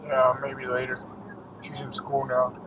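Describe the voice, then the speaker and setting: In a noisy car, a middle-aged father talks with his grown son on the drive home, offering plain, few-worded reassurance in casual conversation. He speaks a little slowly in a monotone, mid-range voice, and the audio is muffled and distant.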